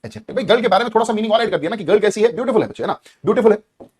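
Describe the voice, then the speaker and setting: A man teaching an online grammar lesson in a Hindi accent, energetic, repeating key words and asking students questions. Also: high-pitched, very fast, breathy edge.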